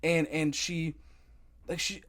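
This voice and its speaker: A man in his twenties hosting a podcast, rambling and animated as he retells scenes, swearing freely. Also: a little high, slow pace. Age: 20s. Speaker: podcast host. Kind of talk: casual chat.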